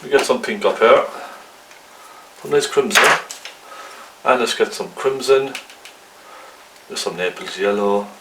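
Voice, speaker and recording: Gentle male painting instructor, roomy distant recording. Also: fairly low pitch, a little slow, pauses often. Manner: gentle, chatty, coaxing, with check-in tag questions. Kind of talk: casual hands-on painting tutorial. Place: indoor room, painting at a canvas. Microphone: camcorder at a distance. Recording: roomy, distant camcorder mic, faint noise.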